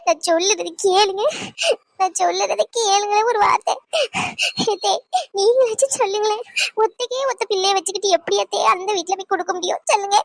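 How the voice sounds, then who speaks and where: A woman voicing a pleading aunt in a cartoon, trying to calm a family quarrel. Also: very high voice, very fast, few pauses, no room sound. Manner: pleading, placating. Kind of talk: cartoon voice acting.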